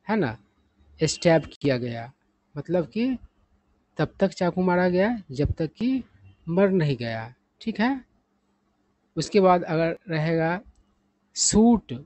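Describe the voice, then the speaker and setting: A man's voice: on the high side, dark tone, no room sound. A man teaching English vocabulary, patient and repetitive, often asking the listener rhetorical questions. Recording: dull, lo-fi sound.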